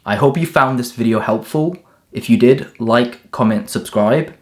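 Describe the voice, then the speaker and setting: With a medium-pitched voice and an unhurried delivery, a young man born in Turkey and raised in England reads a scripted self-help monologue. It is direct and motivational, delivered in short punchy lists.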